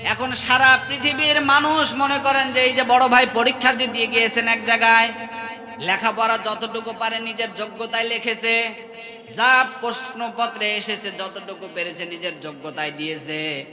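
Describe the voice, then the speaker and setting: A man preaching a Bengali waz sermon with a Bangladeshi accent, telling stories with sung, chanted rises and sudden hushed drops, and calling on the crowd to respond. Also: extremely high pitch, flat delivery, normal speed. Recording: echoey open-air hall with long reverb.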